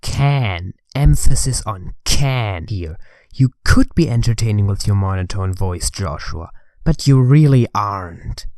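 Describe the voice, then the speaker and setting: Brief: male commentator, mellow darker tone, dry close recording, sardonic and exasperated. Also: fairly low pitch, animated, unhurried, dry recording. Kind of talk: scripted commentary voice-over.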